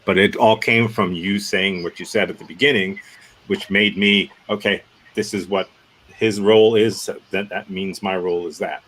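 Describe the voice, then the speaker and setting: A man running an improv workshop offers casual, upbeat feedback on a scene and explains the next exercise, rambling and self-correcting. He speaks at a moderate pace in a low, slightly bright voice with fairly even intonation, and the audio quality is poor.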